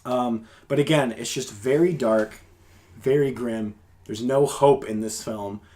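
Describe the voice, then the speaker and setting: A man's voice: medium pitch, measured pace, mellow. A man co-hosting a film review podcast, chatting casually and animatedly, with lots of filler words. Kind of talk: casual chat.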